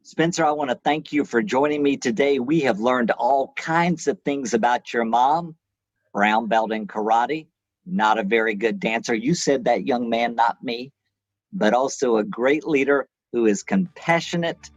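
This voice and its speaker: A man's voice: mid-range voice, measured pace, no room sound, highs cut off. A man hosting a casual interview show, upbeat and jokey, now and then putting on a mock news-anchor tone.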